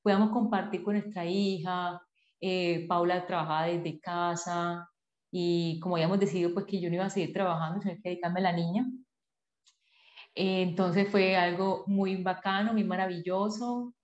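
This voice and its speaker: A woman, a podcast guest telling her personal story in an animated way, acting out her past self in quotes. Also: lowish voice, moderate pace. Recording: echoey room, dull lo-fi sound.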